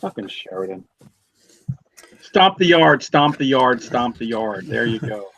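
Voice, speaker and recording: A man co-hosting a casual chat, his voice thin and tinny with no bass, like he is talking from inside a tin can. He swears freely and keeps things loose and jokey. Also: sing-song, measured pace, a bit bright, slight background noise. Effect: thin, tinny sound with no bass, like a tin can. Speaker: podcast co-host. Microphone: built-in computer microphone on a call. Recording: tinny lo-fi computer mic.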